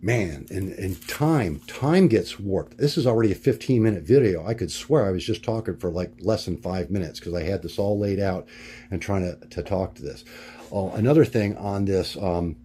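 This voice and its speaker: A man talking to his camera at home in a rambling video diary, halting often with fillers and restarts as he hunts for words. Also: mellow, a little hiss or hum. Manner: acts out quoted voices in a much higher pitch. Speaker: vlogger.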